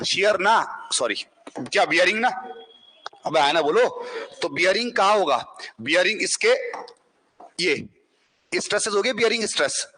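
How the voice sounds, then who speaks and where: Bright, husky-voiced man teaching a class. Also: high voice. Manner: brisk, coaxing, keeps asking the class questions. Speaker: civil engineering teacher. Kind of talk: exam-prep lecture.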